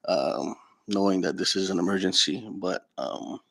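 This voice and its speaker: A man's voice: low voice, moderate pace, vocal fry, a bit bright. A male legislator giving an impromptu floor speech in a hesitant, respectful, apologetic manner.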